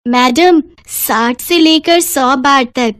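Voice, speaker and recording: Woman voicing a shy little cartoon schoolgirl, high and polite. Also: slow pace, a bit bright, no room sound, studio quality. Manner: polite, timid. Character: shy young schoolgirl, eager and timid. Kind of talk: cartoon voice acting.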